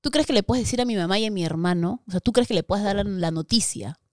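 As a guest on a podcast, a young Peruvian woman with a Peruvian Spanish accent chats casually and animatedly, laughing a lot and imitating what people said in her stories. She speaks at a quick pace in a medium-pitched voice, recorded cleanly in a studio with no room sound.

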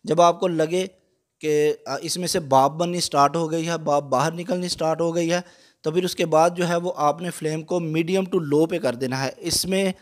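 A man with a slightly raised voice walks through a recipe. He talks calmly and patiently, pausing on small fillers as he explains each step. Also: on the high side. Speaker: cooking channel host. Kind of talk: step-by-step cooking instruction.

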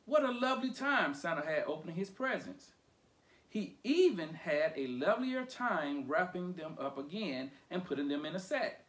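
A man reading a children's picture book aloud for storytime, playful and animated. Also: fairly high pitch, moderate pace.

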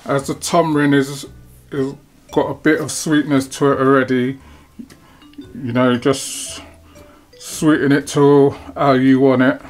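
A man's voice: mid-range voice, flat delivery, a little slow. A man hosts a casual home cooking demonstration, narrating each step as his hands work at the counter. His delivery is easygoing and level, with little rise or fall, and a faint bed of music sits beneath him. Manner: easygoing, talks through each step while working. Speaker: cooking channel host. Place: home kitchen.

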